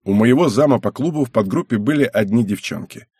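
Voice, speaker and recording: Husky-voiced man reading an audiobook. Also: medium pitch, brisk, dark tone, no echo, studio quality. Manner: wry first-person narration. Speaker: audiobook narrator.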